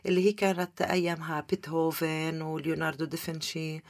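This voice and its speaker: Fast-talking Levantine Arabic woman with slight creak. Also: low voice, little pitch movement, dry recording, clean studio sound. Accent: Levantine Palestinian Arabic. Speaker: interview guest. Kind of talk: personal storytelling in a conversational interview.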